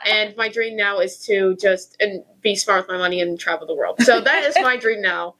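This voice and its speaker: A woman's voice: medium pitch, moderate pace, poor audio. A young woman, a student co-hosting a podcast, chatting casually with frequent ums and likes. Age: young adult. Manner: relaxed, many ums and likes. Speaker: podcast co-host, university student. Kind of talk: casual chat.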